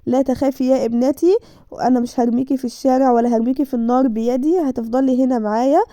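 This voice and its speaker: A woman's voice: sits high, fairly even intonation, racing, warm tone, dry recording, close to an everyday voice. A woman voicing a protective motherly older woman who coaxes and stands firm, with an Egyptian Arabic accent. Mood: coaxing. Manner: coaxing, firm. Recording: dull dry lo-fi recording.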